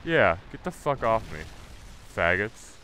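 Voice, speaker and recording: A man with a somewhat low voice talks through live gameplay on a gaming mic. He rants in an irritable, profane way. A faint hiss sits behind his voice. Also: big pitch swings, a little slow, bright, forceful tone. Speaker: gaming channel host.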